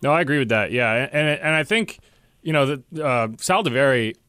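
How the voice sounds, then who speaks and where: A man's voice: mid-range voice, lively intonation, normal speed, pushed and bright, clean tone, no room sound, clean studio sound. A man hosting a sports podcast, breaking down players in a chatty, analytical way and often checking in with "right?". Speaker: podcast host. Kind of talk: casual sports talk.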